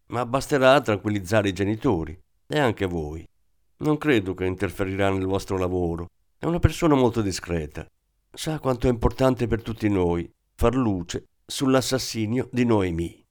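A man's voice: on the low side, animated, normal speed, lightly acted. A man reading the lines of a formal, controlling male school principal in an audiobook.

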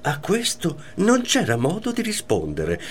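A man reading the part of a tormented man caught between his wife and his mistress in a radio play, in a clipped, halting delivery. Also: fairly high pitch, huge pitch swings, slightly rough, heavily acted.

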